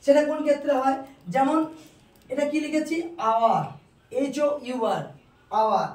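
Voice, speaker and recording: A teacher with a high voice explains grammar in classroom style, posing a question and then answering it, repeating each point. The sound is roomy and echoing, and the speaker stands some way from the mic. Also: level tone, fairly quick, a little mellow. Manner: asks questions and answers them, repeats to drill. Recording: roomy echo, distant mic.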